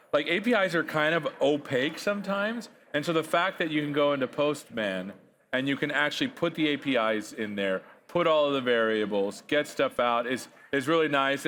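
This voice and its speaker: A man's voice: medium pitch, a bit bright, slight background noise. A man hosting a casual tech interview, chatty and jokey as he asks questions. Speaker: host. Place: conference studio set.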